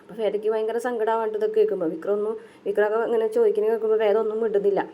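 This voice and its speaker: A woman's voice: mid-range voice, little pitch movement, very fast, lo-fi sound. A woman casually retelling a TV serial episode, chatty and full of fillers and tag words. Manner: chatty, tags sentences with "ട്ടോ", many fillers.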